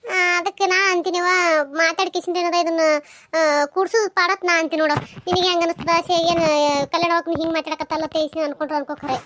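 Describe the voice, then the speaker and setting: A fretful middle-aged village mother from a cartoon scolds and laments in a piercingly high voice, as a woman voices her. She talks in a rapid rush with a North Karnataka Kannada accent. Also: flat delivery, lo-fi sound, noisy background. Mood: lamenting. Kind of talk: cartoon dialogue voicing.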